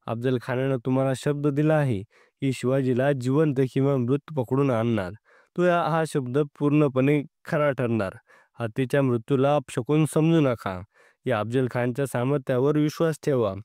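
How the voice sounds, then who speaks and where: A man's voice: medium pitch, normal speed, darkish tone, dry recording, clean studio sound, close to an everyday voice. A man reading the lines of an arrogant, angry army general in a storybook narration, commanding and scornful.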